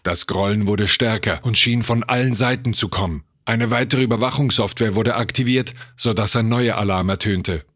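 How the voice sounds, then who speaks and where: Breathy male audiobook narrator. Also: lowish voice, fairly bright tone, no echo, studio quality. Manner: measured, tense storytelling.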